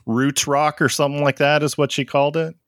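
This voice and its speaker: A man's voice: a little high, flat delivery, brisk, fairly bright tone, dry recording, studio quality. A man hosting a podcast, chatting casually with a guest in an informal interview style. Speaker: podcast host.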